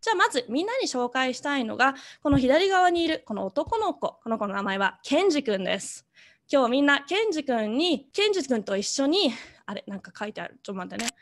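Lively, high-voiced woman teaching children. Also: fast. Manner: cheerful, switches into English words. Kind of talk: online coding lesson for children.

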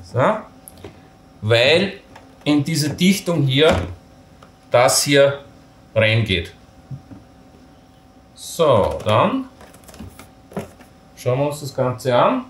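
A man's voice: medium pitch, very animated, drawn-out words, pauses often. A man casually walking through assembling camping gear step by step, talking while he handles the parts and poking fun at his own mistakes. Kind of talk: hands-on assembly tutorial. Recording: roomy echo with faint noise.

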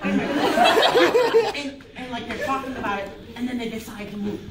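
A woman's voice: fairly high pitch, fairly even intonation, fast talker. A teenage girl hosting a class improv game, rambling and playful with lots of fillers. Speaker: student improv host. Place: school theater classroom. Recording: roomy classroom, distant mic, noisy crowd.

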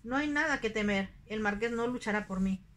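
A woman voicing an innocent, candid young woman in a soft ASMR audiobook reading, in a sweet, earnest and naive way. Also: fairly high pitch, fairly quick, lightly acted.

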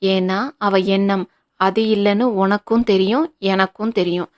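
A woman voicing a stern, sharp-tongued older mother-in-law who scolds in cutting retorts, in an audiobook reading. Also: mid-range voice, steady tone, moderate pace, close to an everyday voice. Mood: scolding.

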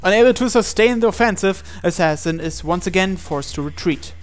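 Speaking a little fast in a high-sitting voice, a man narrates a visual novel aloud as a let's player. The dramatic read-aloud of on-screen text is set over music.

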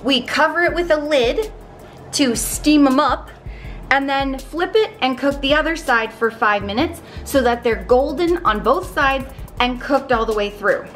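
A woman's voice: high voice, expressive, a little slow, fairly bright tone, faint music behind. A woman in her thirties, from Canada, chatting step by step through a meal prep in her home kitchen. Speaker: vlogger. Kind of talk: casual cooking vlog.

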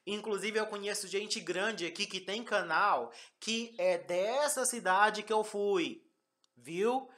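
Brazilian woman venting to her followers, bright tense voice, says né a lot, hurt and confiding. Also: mid-range voice, slow pace. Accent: Brazilian Portuguese. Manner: hurt, confiding, keeps repeating the tag "né?". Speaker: vlogger. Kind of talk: personal confessional storytelling to followers.

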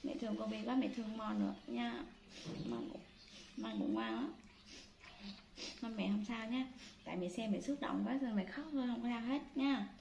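A woman's voice: a little high, steady tone, a little fast, vocal fry, darkish tone, a little hiss or hum. A woman filming her pets, coaxing and affectionate, talking to them like small children. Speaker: pet owner filming her monkeys. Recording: echoey room with faint music.

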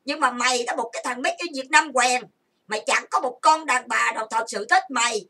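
A woman's voice: high-pitched, a little fast, bright, forceful tone, far from the mic. A woman streaming an angry rant, cursing and hurling accusations while lying down. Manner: profane, accusing, insulting. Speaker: online streamer. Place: lying down at home.

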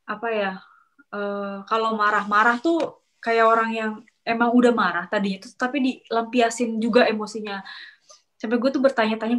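A young woman casually telling a personal story, chatty and animated, acting out what others said. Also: on the high side. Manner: animated, acts out quoted coworkers with sharp rises; chatty, many fillers and restarts, slangy. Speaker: storyteller sharing a work experience. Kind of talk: casual chat, confiding story.

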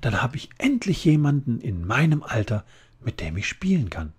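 A man voicing an excited young vampire girl who pleads eagerly, in a relaxed ASMR story reading. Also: mid-range voice, normal speed, slightly rough, pitched above the performer's own voice.

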